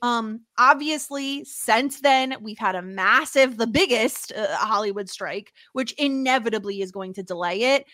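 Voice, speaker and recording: Bright-voiced, chatty woman podcast host. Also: on the high side, unhurried, hardly any pauses, no echo, studio quality. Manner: chatty, full of "like" and "obviously". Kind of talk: casual chat.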